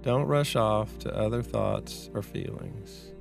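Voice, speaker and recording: A man giving a reflective guided mindfulness talk in a measured, unhurried way, with pauses between short phrases. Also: lowish voice, creaky, loud music behind the voice. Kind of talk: slow guided meditation, reflective talk on anxiety.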